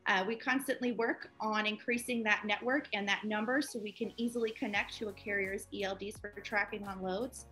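A woman's voice: mid-range voice, steady tone, a little fast, hardly any pauses, a bit bright, faint music behind. A woman in her twenties, a guest on a company interview, explaining eagerly over a video call. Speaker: project manager guest.

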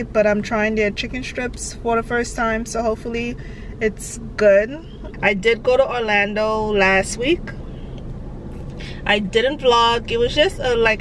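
A woman's voice: on the high side, fairly bright tone, slight background noise. A woman vlogger chatting casually and informally to her viewers as she films her day on a handheld phone. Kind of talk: casual day-in-the-life vlog chat.

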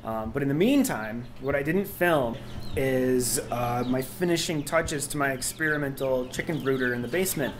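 This thirty-something man narrates a casual homestead how-to vlog from a basement workshop, his mid-range voice moving at a normal speed. He rambles comfortably and drops frequent ums. Chickens cluck and chicks cheep in the noisy basement, caught by the action camera he wears.

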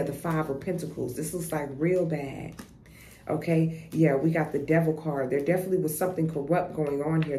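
Woman tarot reader, blunt and profane, lowish mellow voice, echoey room. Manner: blunt, profane, repeats herself and restarts. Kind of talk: casual tarot reading monologue. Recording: echoey room with faint noise.

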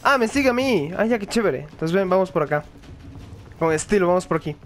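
A young man giving excited, joking commentary while he plays a video game, often yelling and laughing. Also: high-pitched, brisk, soft background music. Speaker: gaming video host. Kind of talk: live gaming commentary.

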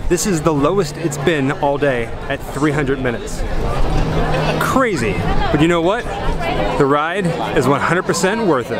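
A woman hosting a vlog, narrating her visit to a theme park. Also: sits low. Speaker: vlog host. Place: busy outdoor theme park. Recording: loud crowd and park noise behind.

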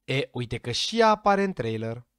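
A man's voice: mid-range voice, big pitch swings, a bit bright, clean tone, no room sound, studio quality. A man giving casual commentary to his viewers, chatty and speculative, sometimes tripping over names. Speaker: vlogger reacting to a series trailer.

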